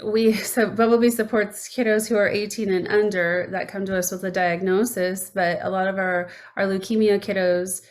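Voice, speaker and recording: A woman's voice: medium pitch, fairly even intonation, normal speed, few pauses. A middle-aged woman, a foundation founder, speaking earnestly and from the heart as an interview guest. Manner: earnest, heartfelt, warm appeals. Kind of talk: conversational interview.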